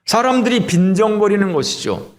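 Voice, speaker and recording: Male pastor with a high-pitched voice, delivers an emphatic sermon full of rhetorical questions. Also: lively intonation, moderate pace.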